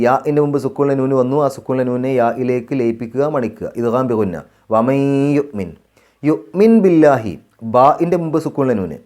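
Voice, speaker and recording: A male Quran teacher from Kerala. He chants verses slowly and melodically, then explains recitation rules calmly step by step, repeating phrases to model the pronunciation. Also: medium pitch. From Kerala, India. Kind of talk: tajweed recitation lesson.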